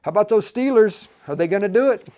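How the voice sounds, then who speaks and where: With a high pitch, lively intonation, and a warm tone, this livestream host and instructor runs a live tutorial. He chats informally to "you guys," his delivery halting as he repeats and restarts phrases.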